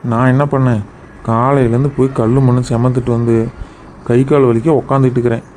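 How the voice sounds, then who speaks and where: Guy doing a sheepish village husband in a cartoon, mellow voice, always making excuses. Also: mid-range voice, little pitch movement, brisk, slight background noise, lightly acted, rough recording. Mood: defensive. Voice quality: defensive, excuse-making manner. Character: sheepish village husband who gambles away wages. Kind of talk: cartoon drama voice acting.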